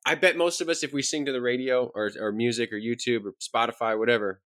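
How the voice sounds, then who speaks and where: A man's voice: medium pitch, fairly even intonation, quick pace, fairly bright tone, no room sound. Man, podcast co-host, blunt, profane, casual talk, dry recording. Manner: blunt, swears freely. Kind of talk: casual conversation.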